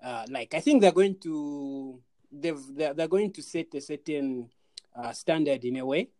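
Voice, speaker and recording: A man's voice: on the high side, expressive, a little slow, dark tone, no echo. A man co-hosting a casual podcast chat over AirPods, rambling with many restarts. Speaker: podcast co-host.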